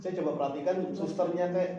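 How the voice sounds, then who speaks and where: A man's voice: high-pitched, quick pace, crowd noise. A man who teaches special-needs pupils, chatting casually with colleagues and acting out quoted dialogue as he tells stories. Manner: animated storytelling, acts out quoted dialogue. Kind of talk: casual chat among colleagues. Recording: echoey, distant, dull room recording.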